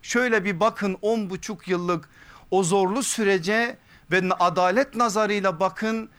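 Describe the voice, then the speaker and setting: A man preaching from a pulpit microphone, giving an earnest, measured religious lesson that builds to emphatic repeated phrases. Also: high voice, steady tone, a bit bright. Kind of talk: sermon-style lecture. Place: pulpit in a mosque or lecture hall.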